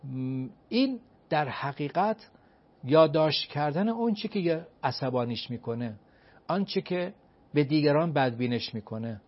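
A man explaining advice as an expert guest, his voice sitting a little high for a man. He talks emphatically, poses rhetorical questions and answers them himself, and lists his points in order. The recording sounds dull and lo-fi. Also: animated. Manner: counts off points one by one.

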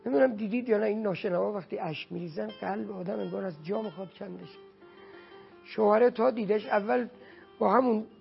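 A man's voice: high voice, creaky, breathy edge. A man from Iran telling an emotional religious anecdote and acting out the dialogue with feeling. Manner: heartfelt, acts out quoted dialogue. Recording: dull lo-fi sound with faint music.

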